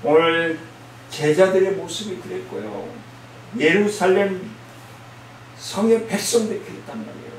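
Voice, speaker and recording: A male pastor preaching a sermon, blunt and scolding, with loud emphatic outbursts. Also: high-pitched, a little slow, pauses often. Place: church sanctuary. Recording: very echoey church hall, mic from a distance, faint hiss.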